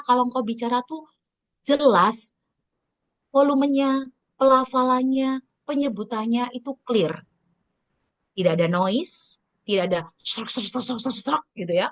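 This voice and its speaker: A woman leading a public speaking training over a video call, varying her pitch and volume on purpose and calling on participants by name in a chatty, teacherly way. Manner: lively, swings pitch and volume on purpose to demonstrate. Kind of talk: online training lecture.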